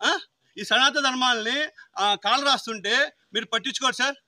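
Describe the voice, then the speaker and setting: Brief: shrill, piercing man, agitated outdoor complaint, dry close sound. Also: moderate pace, bright, forceful tone, no room sound. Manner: agitated, pleading, repetitive. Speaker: local villager complaining. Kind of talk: angry complaint to officials.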